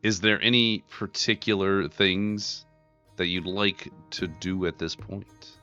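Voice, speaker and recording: A man's voice: low voice, steady tone, slow, pushed and bright, muffled recording. A man narrating casually as game master of a tabletop game, describing scenes in a conversational way. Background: background music.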